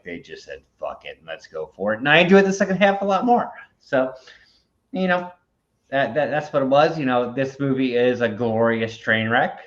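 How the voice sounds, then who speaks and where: A man giving his take in a casual film review chat, halting and repeating himself. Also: medium pitch. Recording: dull lo-fi recording.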